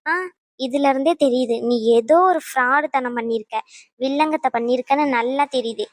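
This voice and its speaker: A woman's voice: high-pitched, normal speed, no echo, clean studio sound, natural voice. A woman voicing a bossy young granddaughter in a cartoon who scolds and threatens her grandmother. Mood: scolding. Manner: scolding, demanding.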